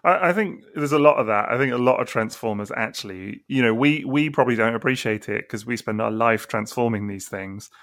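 Gravelly man, dry sound. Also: medium pitch, brisk, hardly any pauses, fairly bright tone, no room sound. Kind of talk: casual chat about collectible toys.

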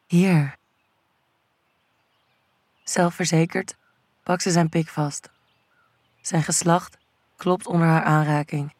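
A woman reads an erotic audio story aloud in a sensual, storytelling manner. She takes her time over every phrase at an unhurried pace. The sound is dry and close, with no room around it. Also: deep voice, darkish tone, no room sound. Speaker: narrator. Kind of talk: scripted erotic story narration.

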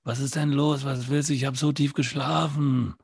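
A cranky marker pen, as a man puts it on, a little higher than his own voice and slightly husky, grumbling and snapping at being woken. It is an irritable everyday figure in an improvised spoken story. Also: little pitch movement, moderate pace, no room sound, clean studio sound. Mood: grumpy. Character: grumpy sleepy marker pen just woken, male.

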